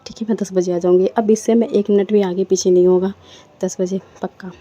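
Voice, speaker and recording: A woman doing a clingy young wife who coaxes and pleads in a soft, even, very mellow voice. She speaks with little rise and fall. The recording is dull and lo-fi, with faint noise behind. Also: medium pitch, a little fast, close to an everyday voice. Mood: eager. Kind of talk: storytelling with voiced dialogue.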